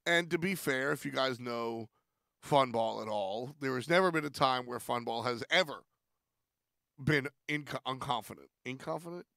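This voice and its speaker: A man's voice: medium pitch, normal speed, gravelly, sharp tone, no echo, clean studio sound. A man hosting a weekly stream show, rambling through casual commentary in a playful, self-deprecating way.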